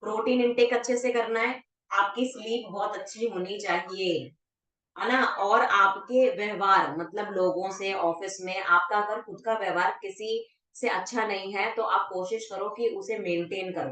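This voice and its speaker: A woman's voice: mid-range voice, measured pace, a bit bright. A woman fitness instructor teaching a live online class over a video call, often checking in with the group and cheerfully urging participants to laugh along. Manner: coaxing, checks in with "right?".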